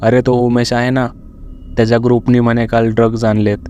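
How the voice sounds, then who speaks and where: A man's voice: medium pitch, level tone, brisk, warm tone, muffled recording, a little hiss or hum, natural voice. A man voicing a cheeky young male roommate in a storybook reading, teasing and coaxing his friends.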